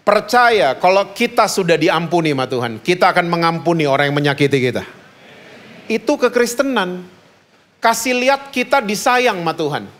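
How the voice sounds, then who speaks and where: A man from Indonesia preaching a lively sermon as pastor, joking and asking the congregation questions. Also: high voice, normal speed. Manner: jokey, asks the congregation questions.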